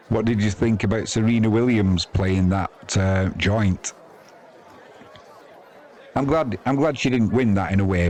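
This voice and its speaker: An English-accented man with a low, darkish voice hosts a live sports stream, delivering casual, rambling, matey cricket commentary off the cuff, with crowd noise behind him.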